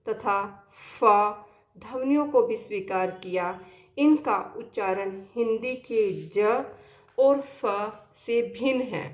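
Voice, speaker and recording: A woman's voice: on the high side, reverberant. A woman teaching children a grammar lesson, who explains step by step and keeps asking questions to check that they follow. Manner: patient, checks understanding with repeated questions.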